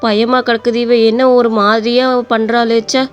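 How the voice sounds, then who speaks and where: A woman's voice: on the high side, little pitch movement, moderate pace, clear, resonant tone, faint music behind, natural voice. Older mother-in-law in a cartoon: fretful, fussing, caring; a woman voices her. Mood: worried.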